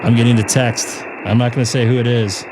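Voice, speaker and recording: A man's voice: mid-range voice, level tone, a little fast. A man working as a ham radio net control operator, chatting casually and mocking himself between calls in a radio room full of static. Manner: chatty and self-mocking, talking to himself on air. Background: radio static and ambient hiss.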